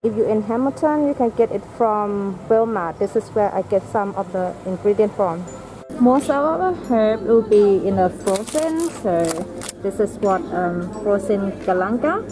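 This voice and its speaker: A woman's voice: medium pitch, expressive, measured pace. A woman from Thailand giving practical cooking tips in plain, simple English with background music playing. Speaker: co-host, cook. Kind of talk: casual cooking vlog.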